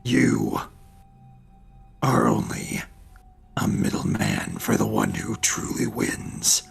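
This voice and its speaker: A man voicing a sorrowful, resolute warrior in a tabletop game, with a husky, half-whispered growl and slow, solemn delivery. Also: low-pitched, wildly swooping pitch, soft background music, exaggerated voice. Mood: grimly defiant. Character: sorrowful, grave male warrior, weary and resolute.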